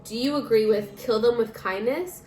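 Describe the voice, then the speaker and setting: Tipsy and giggling, a twenty-something vlogger takes on a drinking makeup challenge while chatting with a friend. Her fairly high, warm voice moves at a moderate pace, blurting slightly muddled lines with casual swearing. Music plays behind her in an echoey room.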